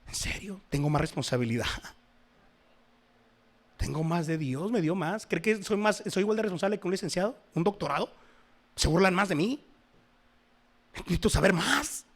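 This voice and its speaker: A man preaching a sermon to his congregation, swinging between loud exhortation and soft asides. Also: high voice, animated, moderate pace, pauses often. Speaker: pastor.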